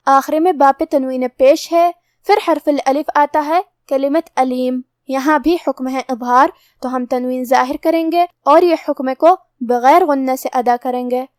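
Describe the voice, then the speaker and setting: A woman with a high, light voice explains recitation rules step by step as a teacher. Her delivery is measured and methodical, and the sound is close and dry with no room echo. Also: a little mellow.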